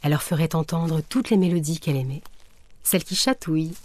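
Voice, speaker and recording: A woman reading a children's tale aloud, gentle and soft-spoken, at times dropping to a whisper. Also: sits low, fairly quick. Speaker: storyteller. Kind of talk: storybook reading. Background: faint music.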